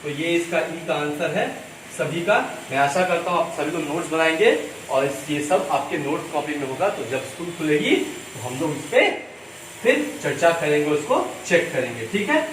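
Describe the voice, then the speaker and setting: Indian male teacher, slow repeated explanations, echoey room, faint hiss. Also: fairly high pitch, expressive, fairly bright tone. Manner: slow, repetitive explaining, switching between Hindi and English. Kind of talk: classroom lesson. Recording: echoey room, mic far off, faint ambient noise.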